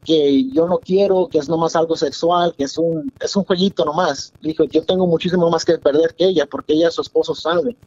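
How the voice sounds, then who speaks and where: A man's voice: fairly high pitch, fairly even intonation, brisk, few pauses, darkish tone, no room sound. A man calling in to a radio show, telling a long confessional story in a rambling way over a dull phone line. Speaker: caller.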